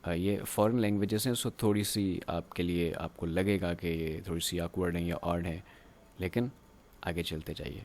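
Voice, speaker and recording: Deep-voiced guy giving a grammar lesson, slow and halting, lots of pauses, slight hiss. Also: steady tone, darkish tone. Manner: slow, halting explanation, drawn-out pauses between words; reads textbook lines in English, explains in another language. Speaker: English grammar teacher. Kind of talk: recorded grammar lecture.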